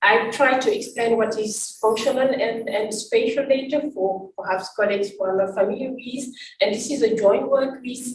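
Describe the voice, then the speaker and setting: An invited academic from Senegal gives a conference talk with slides, her fairly high voice picked up by a distant mic. She speaks haltingly, with many fillers and restarts. The recording sounds roomy and far off, with faint noise.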